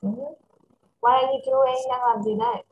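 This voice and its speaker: A woman with a Vietnamese accent teaching English to a child over a video call, switching between English and Vietnamese and reading English phrases slowly. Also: on the high side, fairly even intonation, a little hiss or hum, poor audio. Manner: mixes English and Vietnamese, slow careful English. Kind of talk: online English lesson for a child.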